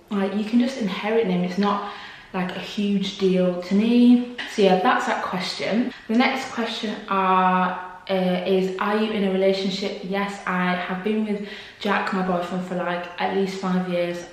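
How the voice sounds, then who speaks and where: Young woman YouTuber, casual Q&A to camera, lots of fillers, strong room echo. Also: mid-range voice. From Congo. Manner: chatty, laughs often, many fillers.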